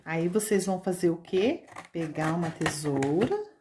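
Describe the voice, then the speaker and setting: A woman teacher with a Brazilian Portuguese accent giving a slow, patient lesson to young children, stretching out words as she demonstrates them. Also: lowish voice, lively intonation, mellow, reverberant, slight background noise.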